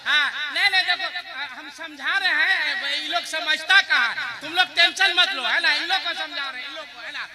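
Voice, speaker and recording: Impassioned high-voiced preacher man. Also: normal speed, few pauses. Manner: swings from soft joking storytelling to loud impassioned shouting. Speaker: Islamic preacher. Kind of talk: sermon at a religious gathering. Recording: live gathering with crowd noise.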